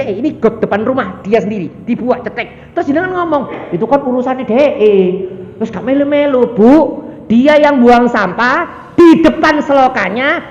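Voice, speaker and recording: A man with an East Javanese accent preaching a lively, jokey mosque sermon and mimicking the people in his examples. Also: extremely high pitch. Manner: lively, jokey, acts out quoted voices. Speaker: ustadz preacher. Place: mosque hall. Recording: echoey dull hall sound, faint background noise.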